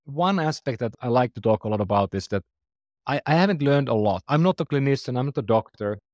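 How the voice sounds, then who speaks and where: In a dry recording, a startup founder from Finland, a man in his forties, talks as a guest in a conversational interview. His medium-pitched, darkish voice moves briskly with lively intonation, and he speaks earnestly in loose phrases that often restart.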